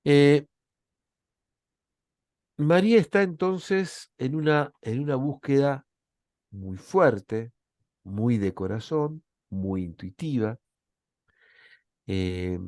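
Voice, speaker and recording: Slow, unhurried Argentine man teaching. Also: medium pitch, darkish tone, no echo, clean studio sound. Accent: Argentine Spanish. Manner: reflective, checks in with listeners by asking "¿eh?" and "¿mm?". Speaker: professor. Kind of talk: Bible lecture.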